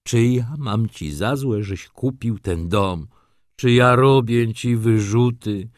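A man voicing a fussy, easily flustered elderly nobleman who pleads slowly and emotionally. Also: mid-range voice, no echo, studio quality, voice pushed up, natural voice. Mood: tearful. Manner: pleading, wheedling, slow and emotional.

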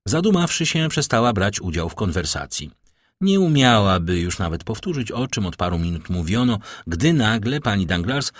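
A man narrating a novel as an audiobook, expressive and husky, voicing every character himself. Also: low voice, dry recording, studio quality.

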